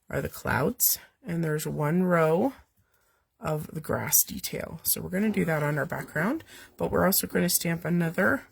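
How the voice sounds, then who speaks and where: A woman with a cold hosts a live card-making stream from her home basement, her fairly low voice gravelly, weak, and coming and going. She rambles chattily through a casual step-by-step demonstration, full of fillers and asides to her cat. A little hiss or hum is audible.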